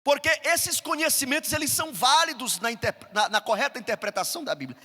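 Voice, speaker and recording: A middle-aged Brazilian man preaching a sermon as pastor, swinging between loud emphasis and soft asides. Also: very high-pitched, fast talker. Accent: Brazilian Portuguese. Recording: reverberant hall.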